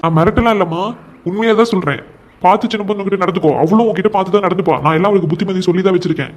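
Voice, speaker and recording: A young cartoon husband, voiced by a man, firm and pleading by turns as he reasons with his mother. His voice sits high for a man, and he races through his lines at a breakneck pace. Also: rapid-fire, a little hiss or hum, close to an everyday voice. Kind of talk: comic cartoon voice acting.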